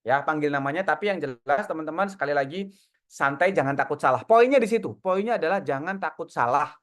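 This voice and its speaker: A man, coaching an audience in a casual online Q&A and telling lively stories. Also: on the high side, fast. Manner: lively, encouraging, tells stories with acted quotes. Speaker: coach answering audience questions. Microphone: video call.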